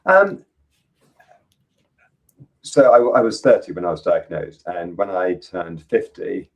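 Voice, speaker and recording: Man, late fifties, low pitch, husky, reflective podcast guest. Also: animated, slow pace, lo-fi sound. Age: 50s. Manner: earnest, reflective, frequent fillers. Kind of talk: interview conversation.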